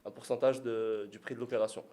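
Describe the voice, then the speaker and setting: A man's voice: mid-range voice, level tone, fast talker, mellow. Hesitant man rambling in casual chat. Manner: hesitant, rambling, self-conscious, laughs at himself. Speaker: podcast guest and business partner.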